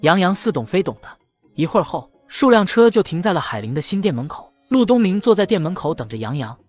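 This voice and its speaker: Brisk, lively male story narrator. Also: high-pitched, soft background music.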